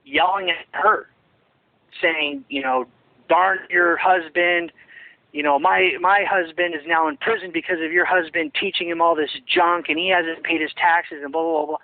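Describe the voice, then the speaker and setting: Speaking by phone, a man with a somewhat high, steady voice keeps a moderate pace. He used to be tied to a ministry, and his emphatic, wandering answers restart often. The line sounds tinny and dry.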